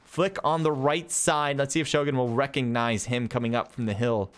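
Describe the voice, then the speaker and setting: A man doing live play-by-play commentary on an esports match, calling action quickly and excitedly with chatty asides to himself. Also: mid-range voice. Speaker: esports caster. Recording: game gunfire and vehicles behind voice.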